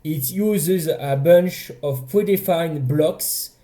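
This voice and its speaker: A young man with a French accent talks through his game project in a relaxed video-diary way. His voice is very dark and mellow, and he often stops to correct his words as he goes. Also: fairly high pitch, slow. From France. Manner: hesitant, self-correcting, chatty. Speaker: indie game developer. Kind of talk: casual devlog walkthrough.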